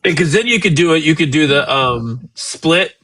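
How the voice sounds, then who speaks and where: A man's voice: on the high side, expressive, moderate pace, pushed and bright, no echo, poor audio. A man in a casual group chat, agreeable and encouraging.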